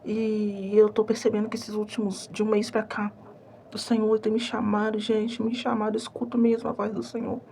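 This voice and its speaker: Soft-spoken Brazilian woman, hushed late-night talk. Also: mid-range voice, monotone, normal speed, gravelly, slight background noise. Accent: Brazilian Portuguese. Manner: speaks softly, half-whispering so as not to wake others; earnest, emotional, repeats phrases for emphasis. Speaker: vlogger. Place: home at night.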